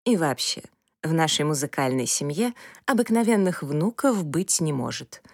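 Storybook mother, calm, dry, low and even; a woman reader plays her. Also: normal speed, no room sound, full character voice.

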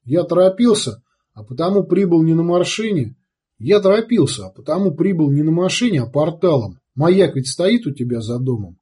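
A man voicing a calm, wry male commissar who speaks in a measured way in an audiobook. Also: fairly high pitch, slightly rough, voice pushed up. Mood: wry relaxed.

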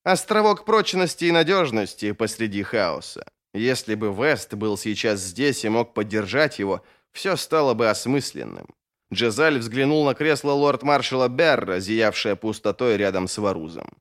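Expressive male audiobook narrator. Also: lowish voice, moderate pace. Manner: expressive, varied intonation. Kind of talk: scripted narration.

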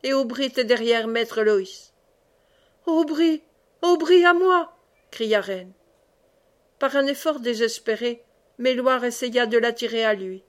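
A woman reading a classic novel aloud as an audiobook, expressive in the dialogue. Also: fairly high pitch, measured pace. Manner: expressive, raises voice for cries. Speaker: audiobook reader.

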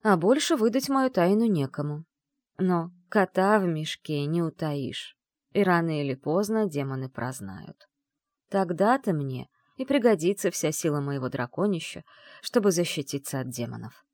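A woman narrating a first-person fantasy audiobook in an expressive, chatty manner. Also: low voice, moderate pace, no room sound, clean studio sound.

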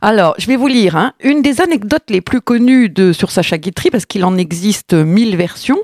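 A woman's voice: medium pitch, lively intonation, normal speed, darkish tone, no echo. Playful chatty woman columnist, dry sound. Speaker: radio columnist. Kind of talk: casual radio chat.

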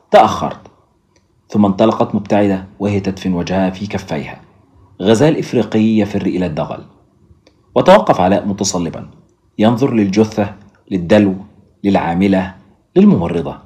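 Male audiobook narrator, storyteller who addresses listeners, low voice, brisk pace. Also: dark tone.

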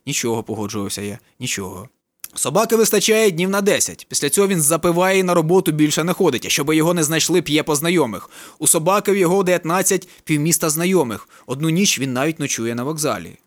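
A man reading a novel aloud in a wry, deadpan manner, with casual swearing. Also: a little high, no echo, clean studio sound. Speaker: reader. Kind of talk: audiobook narration of a novel.

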